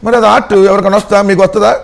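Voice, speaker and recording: A man on a TV news panel, arguing in a heated way with mocking, rapid rhetorical questions. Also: high-pitched, little pitch movement, vocal fry. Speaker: political panelist.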